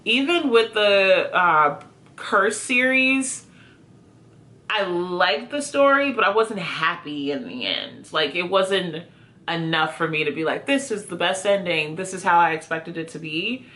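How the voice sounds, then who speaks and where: A woman with a fairly low, sharp-toned voice speaks a little slowly but with plenty of animation. She's a book reviewer hosting a video, chatting casually to the camera and answering prompts in an informal, self-deprecating way.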